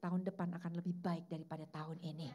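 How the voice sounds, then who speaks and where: Animated woman pastor preaching. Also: on the low side, fast talker, lo-fi sound. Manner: animated, mimics quarrels, leads congregation in call-and-response. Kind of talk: lively church sermon.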